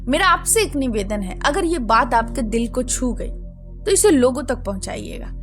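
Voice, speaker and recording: Brief: female host, earnest explainer voice-over, lively higher pitch, clear music bed behind. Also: normal speed. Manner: earnest, addresses the viewer directly. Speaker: channel host explaining a mantra. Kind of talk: narrated explainer in Hindi with English words.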